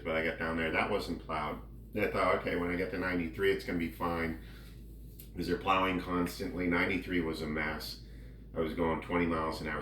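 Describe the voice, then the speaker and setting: A man giving a casual personal update in a halting, rambling way with drawn-out pauses. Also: very deep voice, a bit bright. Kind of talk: casual chat. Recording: roomy, distant mic, faint background noise.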